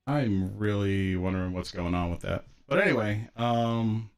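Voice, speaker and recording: A man's voice: on the low side, moderate pace, clean tone, soft background music. Echoing, reverb-laden male esports commentator. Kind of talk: casual live game commentary.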